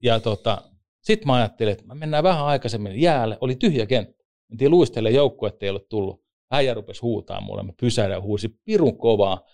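A man with a fairly low voice spins lively, joking stories about his work as a hockey referee. He talks in a relaxed, casual interview manner. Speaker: ice hockey referee and former league player.

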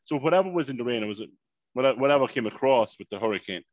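A man, telling a long, animated story in casual podcast chat and swearing freely. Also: mid-range voice, quick pace, no room sound, dull audio. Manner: animated, swears freely, repeats "mayhem" and "unbelievable". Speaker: podcast co-host.

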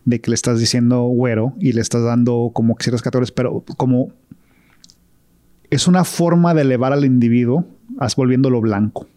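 A man, a guest on a film chat, explaining things thoughtfully with many halting restarts. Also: medium pitch, steady tone, warm tone, no echo, studio quality. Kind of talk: casual film discussion.

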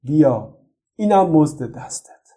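A man's voice: a little high, big pitch swings. A man reading the part of a kindly older neighbor who praises and blesses a child in a storybook. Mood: delighted. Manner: warm, praising tone.

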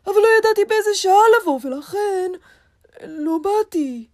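A woman voicing a friendly, calm male lion who speaks in a soothing, chatty way. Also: very high voice, dry recording, clean studio sound, voice pushed up. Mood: kindly.

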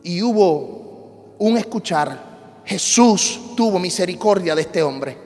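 A man preaching an impassioned sermon, swinging from loud repeated shouts to low storytelling. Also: expressive, takes it slowly, long reverb tail, faint music behind. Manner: shifts from shouting to hushed storytelling, repetitive cadence. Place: church sanctuary.

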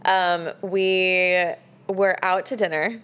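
Low-voiced relaxed young woman. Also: slow pace, clean tone. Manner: relaxed, frequent short agreeing replies. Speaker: podcast co-host. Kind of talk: casual chat.

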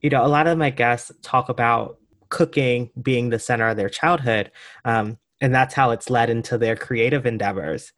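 A podcast host starts the episode from a script before moving into an interview with a guest, sounding eager and upbeat. The voice is medium in pitch and moves at a moderate pace.

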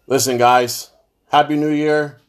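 A man's voice: on the high side, steady tone, measured pace, smooth. Blunt heavy-hearted New man. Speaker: show host talking to fans. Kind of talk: personal monologue to camera.

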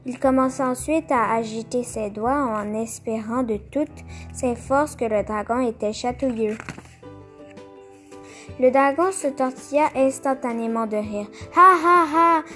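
A woman reading a children's picture book aloud, slow and careful, stopping to explain the pictures. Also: on the high side, a little mellow. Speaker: storyteller.

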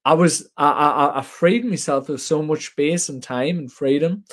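A man's voice: on the high side, moderate pace, a bit bright. A young British man chatting casually in a blokey, emphatic, sweary way. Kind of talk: casual chat.

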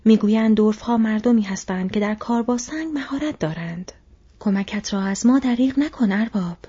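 A woman voicing an old male warrior who shouts to rally his men, in a dull lo-fi recording. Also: mid-range voice, slightly rough, close to an everyday voice. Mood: urgent. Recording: dull lo-fi audio.

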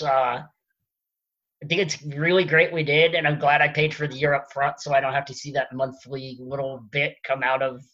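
A man's voice: on the high side, pushed and bright. A man co-hosting a podcast, chatting in an easygoing, agreeable way. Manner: easygoing, laughs often, agreeable. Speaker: podcast co-host. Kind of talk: casual podcast chat. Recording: slightly dull lo-fi sound.

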